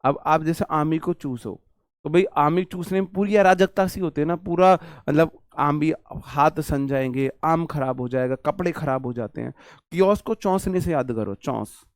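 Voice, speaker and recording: Joking teacher, dry sound. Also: male voice, a little high, normal speed, no echo. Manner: jokey, repeats lines for emphasis, quizzes the class. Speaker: English vocabulary teacher. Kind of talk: casual classroom lecture.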